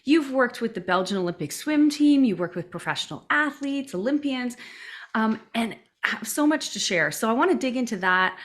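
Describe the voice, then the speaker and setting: A woman's voice: fairly high pitch, animated, normal speed. Enthusiastic woman hosting a podcast. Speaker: podcast host.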